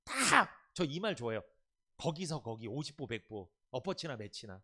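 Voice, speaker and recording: A man's voice: mid-range voice, very animated, normal speed, pushed and bright, slightly rough. A male pastor giving an emphatic sermon, often putting questions to the congregation and having them repeat phrases. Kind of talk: Sunday afternoon sermon.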